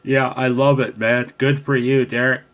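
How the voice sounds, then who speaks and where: Recorded on a handheld phone for his channel, this American ham radio operator has a mid-range, fairly bright voice with a flat delivery at normal speed. The conversation is casual and friendly. He often chuckles and drops "man" into his speech.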